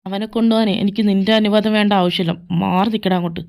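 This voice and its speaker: A woman's voice: fairly even intonation, darkish tone, natural voice. A woman voicing a jealous, possessive young man in a fan audio drama, taunting and domineering. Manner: taunting, domineering, slow and low. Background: faint background music.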